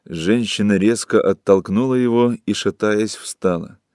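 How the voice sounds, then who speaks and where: Man reading a story out, steady and measured, dry close sound. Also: fairly low pitch, dry recording. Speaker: audiobook narrator. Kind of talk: scripted literary narration.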